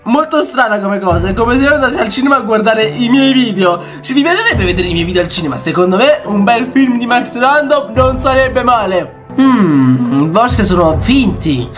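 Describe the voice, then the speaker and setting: A young man doing excited reaction commentary on a video as a YouTuber, often shouting and laughing. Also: very high voice, moderate pace, hardly any pauses. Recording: background music under the voice. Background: background music.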